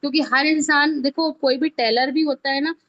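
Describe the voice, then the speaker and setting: In dull, lo-fi online class audio with a dry sound, a woman teaches a casual video editing tutorial step by step. She has an Indian accent and a high, steady, fairly bright voice at a normal speed. Chatty in manner, she repeatedly checks that her learners understand.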